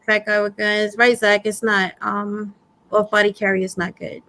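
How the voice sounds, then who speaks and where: A woman's voice: mid-range voice, flat delivery, moderate pace, bright, forceful tone. A woman with a Brooklyn accent hosting a casual livestream, chatting in a giggly, easygoing way. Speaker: host of a live prepping stream.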